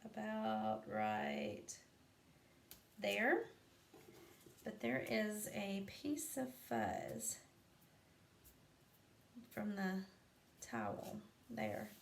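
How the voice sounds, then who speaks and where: Slow-talking chatty woman in an echoey room. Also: medium pitch, huge pitch swings, gravelly. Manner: chatty, rambling, full of ums and asides. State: sleepy, yawning. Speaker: craft vlogger. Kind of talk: live craft demonstration. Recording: echoey room, faint background noise.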